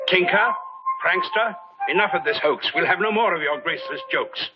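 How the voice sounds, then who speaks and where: An actor playing a stern, scornful town official in rhymed lines, in 1950s film style. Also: male voice, sits high, moderate pace, close to an everyday voice. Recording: dull 1950s film soundtrack with music.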